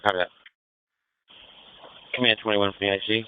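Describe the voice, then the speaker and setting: A man's voice: fairly low pitch, level tone, normal speed, narrow, tinny audio, slight background noise. An American man working as fire incident commander, giving courteous, procedural orders in clipped police-radio style over a two-way radio. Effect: radio transmission. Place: fireground.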